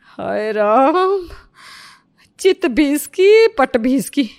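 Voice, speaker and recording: A woman's voice: sits high, big pitch swings, very slow, darkish tone, soft background music, pitched above the performer's own voice, full character voice. A woman voicing a stern middle-aged mother-in-law who scolds and gives orders. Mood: scolding. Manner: commanding, scolding.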